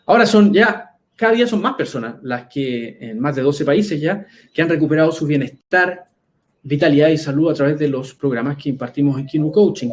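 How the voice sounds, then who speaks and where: A Chilean man with a fairly high voice presents a live online talk as a health coach. He speaks conversationally to his viewers and keeps checking in to see whether they are following. The sound comes from a computer mic on a video call. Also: fairly quick. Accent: Chilean Spanish. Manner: conversational, often checks in with the audience by asking "¿ya?". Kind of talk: webinar presentation.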